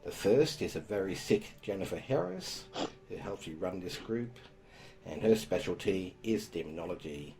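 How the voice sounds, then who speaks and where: A man hosting a podcast, explaining spiritual topics in a calm, casual way. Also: low voice, normal speed, creaky. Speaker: podcast host.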